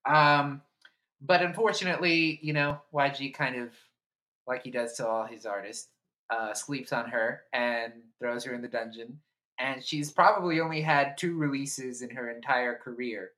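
A man's voice: medium pitch, moderate pace, pushed and bright. A man co-hosting a podcast in casual chat, hesitant, with many fillers and self-corrections. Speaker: podcast co-host.

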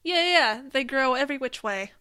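A woman's voice: high voice, expressive, moderate pace, pushed and bright, smooth. A young adult woman co-hosting a podcast, chatting casually and laughing often between sentences. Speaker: podcast co-host. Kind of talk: casual chat.

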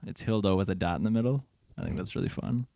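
A man's voice: fairly low pitch, fast talker, warm tone, no room sound. A man hosting a podcast in casual chat, joking and laughing often. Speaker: podcast host. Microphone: studio microphone with headphones.

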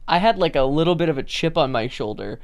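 A woman's voice: deep voice, expressive, fast, darkish tone. A woman co-hosting a podcast, playful and chatty, reading old messages aloud. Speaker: podcast co-host.

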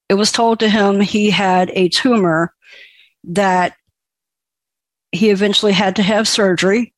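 A woman telling her own life story as a personal testimony, speaking in a halting, emotional way. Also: medium pitch, dry recording.

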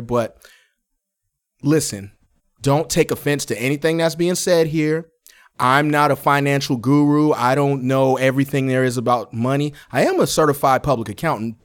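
A man hosting a solo podcast, talking casually and colloquially, straight to his listeners. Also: mid-range voice. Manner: colloquial, addresses listeners directly. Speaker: podcast host.

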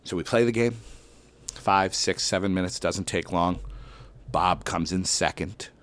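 A man with a notably deep, low voice tells an audience a personal story. He's an elementary school teacher, and his delivery is animated, jumping into sudden loud bursts and sinking into slow, dramatic drops.

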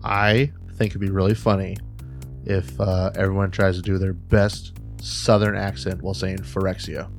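A man's voice: deep voice, little pitch movement, moderate pace, creaky, faint music behind. A man co-hosting a casual podcast chat, joking around and laughing with the others. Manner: jokey, laughs often. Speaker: podcast co-host.

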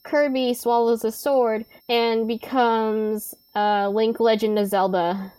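A woman's voice: a little high, little pitch movement, takes it slowly, warm tone, clear, resonant tone. A woman co-hosting a casual podcast, laid-back, mostly giving short reactions. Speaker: podcast co-host. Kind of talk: casual chat.

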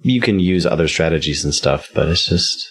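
A man's voice: extremely low pitch, lively intonation, moderate pace, breathy edge. A man chatting casually on a podcast as a guest, explaining a board game with dry jokes.

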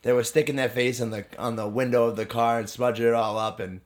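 A man co-hosting a casual chat, swearing freely and giving mock-heroic pep talks with loud outbursts. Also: medium pitch, steady tone, fast. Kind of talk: casual banter.

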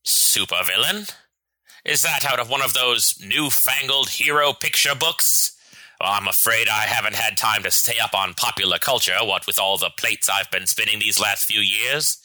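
A man playing a scheming, vain president in a satirical sketch, speaking with slow, pompous, theatrical villain menace. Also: fairly low pitch, pushed and bright, dry recording, rough recording. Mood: dismissive, scheming. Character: scheming, vain, power-hungry male American president as villain. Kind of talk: scripted satirical sketch acting.

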